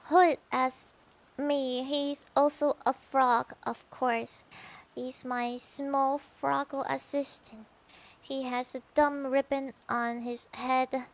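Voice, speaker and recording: A woman VTuber chatting casually on her stream, rambling and giggly, trailing off into fillers. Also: sits high. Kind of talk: casual livestream chat.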